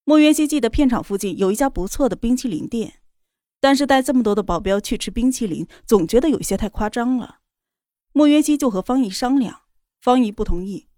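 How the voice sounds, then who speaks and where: A woman reading a romance novel aloud in a steady, even storytelling voice. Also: fairly high pitch, brisk, no room sound, studio quality. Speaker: narrator. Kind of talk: scripted novel narration.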